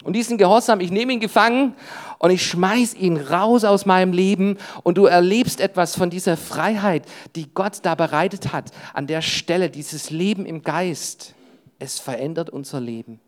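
Male preacher, family man, youth sermon, punchy and direct, peppered with "hey", sinks his voice low for inner thoughts. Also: normal speed. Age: adult with wife and children. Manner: emphatic, often breaks in with "hey". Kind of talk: sermon to young people.

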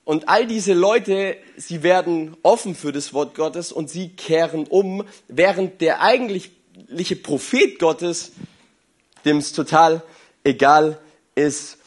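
A man preaching a sermon to teenagers and reading a Bible passage aloud, speaking with emphasis and letting phrase ends sink low and soft. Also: slow pace. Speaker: youth pastor.

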